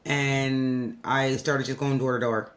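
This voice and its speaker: A podcast host in a casual interview who talks emphatically, often repeating a point to stress it. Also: female voice, extremely low pitch, little pitch movement, takes it slowly. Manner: emphatic, agreeing, repeats phrases.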